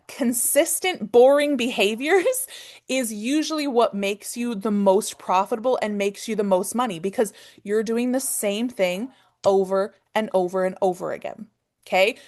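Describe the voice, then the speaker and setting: A Canadian woman in her thirties runs a live online trading class. Her voice sits a little high, and she talks quickly, asking "okay?" after nearly every point. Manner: fast-talking, checks in with "okay?" constantly. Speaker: trading coach.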